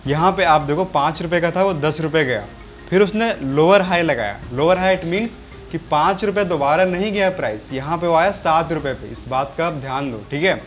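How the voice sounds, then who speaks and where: A man's voice: fairly high pitch, normal speed, faint music behind. Man with a sore throat, teaching. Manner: repetitive, keeps saying "okay" and "friends". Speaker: trading teacher. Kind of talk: explaining a chart on screen.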